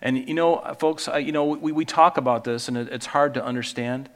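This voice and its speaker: A man's voice: medium pitch, steady tone, brisk, in a large hall. A man preaching a sermon as pastor, reading scripture emphatically and breaking in with earnest asides.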